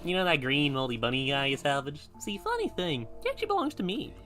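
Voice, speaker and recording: Mischievous game rabbit, taunting, flirty, rapid delivery, wildly animated pitch, music underneath. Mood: flirty, smug. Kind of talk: video game cutscene acting.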